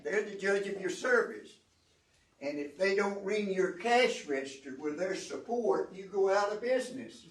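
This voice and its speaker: An older man gives an earnest, folksy talk about running a business. He repeats key phrases for emphasis. He stands back from the microphone, and his voice rings in a roomy hall. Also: sits high. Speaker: guest speaker, entrepreneur. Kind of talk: informal talk to a student audience. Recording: roomy echo, distant mic.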